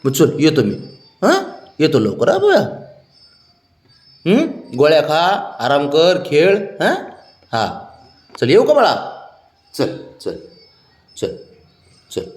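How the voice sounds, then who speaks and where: A man at home talking baby talk to his pet cat, coaxing and pleading in a high sing-song voice, recorded on a phone. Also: huge pitch swings, slow pace, pauses often, roomy sound. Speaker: cat owner. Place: home, indoors.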